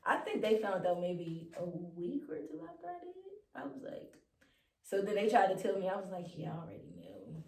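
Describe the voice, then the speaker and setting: A young adult woman guesting on a podcast, telling a story in a rambling, self-correcting way, often quietly. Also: mid-range voice, lively intonation, normal speed, vocal fry. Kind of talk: casual chat. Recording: roomy sound from a distant mic.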